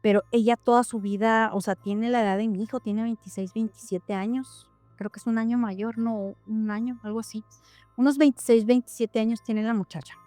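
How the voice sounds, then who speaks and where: A woman's voice: fairly high pitch, brisk, no echo, soft background music. A middle-aged woman, telling a story in casual chat on a podcast, with lots of restarts and quoted dialogue. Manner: animated retelling with many restarts and quoted dialogue. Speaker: podcast guest.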